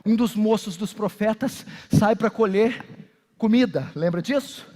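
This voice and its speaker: A man with a Brazilian accent preaching a sermon as pastor, swinging dramatically between shouts and hushed intensity. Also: high-pitched, measured pace, long reverb tail.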